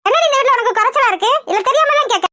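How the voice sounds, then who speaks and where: A sharp-tongued old grandmother, nags and scolds in a shrill cartoon voice pitched very high. She talks quickly with a bright, cutting edge. The sound is close and dry. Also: lively intonation, dry recording, heavily acted. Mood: scolding. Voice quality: shrill, nagging. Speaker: cartoon voice actor. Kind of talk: cartoon comedy voice acting.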